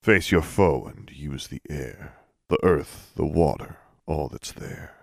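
A man voicing a very old male wizard with a deep, resonant voice in an audiobook, speaking in a slow, low, rhythmic chant. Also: creaky, dry recording, clean studio sound, exaggerated voice. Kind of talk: audiobook character voice.

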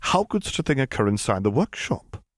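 A man's voice: medium pitch, big pitch swings, fairly quick, dry recording, studio quality, voice pushed up, close to an everyday voice. A man voicing a nervous officer who speaks hesitantly and carefully to his superior.

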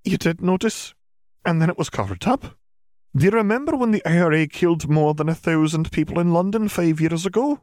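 In an audiobook story, a man voices a stern older witch professor, pitching the voice high, close and dry with no room sound. She explains things formally and gravely in measured fashion, the performance animated, a little mellow, and lightly acted.

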